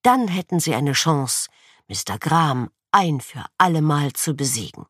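Lebhafte Erzählerin, tiefe Stimme. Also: female voice, deep voice, expressive, a little slow, a bit bright, breathy edge, no echo, clean studio sound. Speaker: audiobook narrator. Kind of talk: scripted narration.

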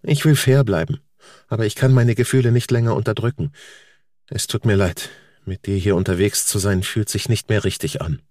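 A man's voice: lowish voice, moderate pace, darkish tone, no echo, studio quality, natural voice. A man voicing a wife who admits she no longer wants to stay, speaking in a restrained, pleading way. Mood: regretful.

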